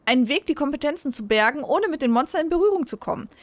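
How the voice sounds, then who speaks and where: A woman's voice: sits high, lively intonation, fast. A woman reading aloud the lines of a scattered male scholar obsessed with machine parts, in a near-plain voice. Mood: worried. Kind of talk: reading game dialogue aloud.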